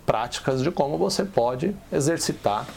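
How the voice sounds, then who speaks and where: Um homem apresentando um podcast, conduzindo a conversa com perguntas e brincadeiras, sempre com um "né?". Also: male voice, mid-range voice, animated, moderate pace, gravelly, a little mellow, slight background noise. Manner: jokey, leads with questions, frequent "né?". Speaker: podcast host. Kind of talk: casual chat.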